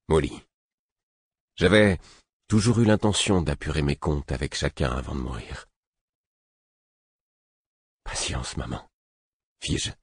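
Low husky male audiobook narrator. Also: no room sound, studio quality. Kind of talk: first-person novel narration.

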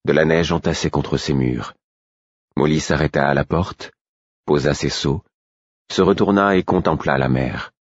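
Man, audiobook narrator, very low voice, husky, measured reading, dry dull recording. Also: dry recording. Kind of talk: scripted first-person narration.

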